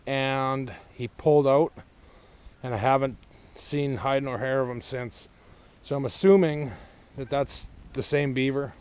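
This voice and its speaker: A man's voice: mid-range voice, a little mellow, smooth, lo-fi sound. A man out of breath after a hard walk in, narrating a casual outdoor vlog at a pond in a plainspoken, rambling way, recorded on an action camera. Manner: plainspoken, rambling, matter-of-fact. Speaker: trapper filming his own channel.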